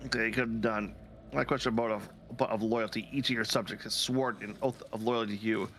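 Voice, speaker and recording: A man's voice: lowish voice, fairly even intonation, brisk, a bit bright, a little hiss or hum. A man playing a story game on a shared stream, reading dialogue aloud and chatting casually, sometimes stumbling over words.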